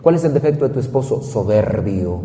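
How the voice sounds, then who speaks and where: A priest giving an animated sermon, telling stories and asking rhetorical questions. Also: male voice, mid-range voice, brisk, big-room sound.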